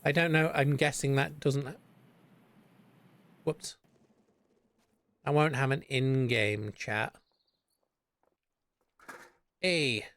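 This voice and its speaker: A man's voice: medium pitch, fairly even intonation, drawn-out words, long pauses, fairly bright tone. A young British man streaming a game, chatting casually and rambling, humming nonsense to himself. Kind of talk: casual chat while gaming.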